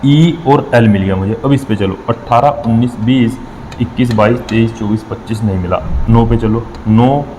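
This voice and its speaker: Male tutor, mid-pitched, steady classroom explaining, long echoey reverb, faint hiss. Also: normal speed. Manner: explains step by step, counting aloud with frequent checks. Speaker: maths and reasoning teacher. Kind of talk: exam-prep lesson.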